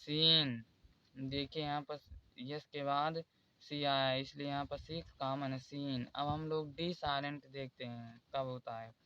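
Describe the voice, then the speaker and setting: Slow, bright-voiced Hindi-speaking teacher. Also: male voice, mid-range voice, fairly even intonation, clean tone, muffled recording. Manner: slow and repetitive, pointing at examples. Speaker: English teacher. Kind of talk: explaining spelling rules in Hindi.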